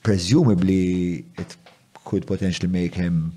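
A male podcast host asks questions in a reflective, halting manner, often restarting with filler words. His voice is low in pitch and has a mellow, relaxed tone. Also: husky. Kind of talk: conversational interview.

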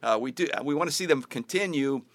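A man's voice: a little high, expressive, a little fast, fairly bright tone, no echo. A man, a pastor, interviewing a church member in a casual conversation, laughing often and backing him up with frequent yeahs.

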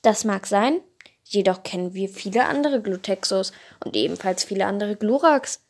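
A woman voicing a group of small fire lizard creatures who talk in a raised, mocking and boastful way in a storybook tale. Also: medium pitch.

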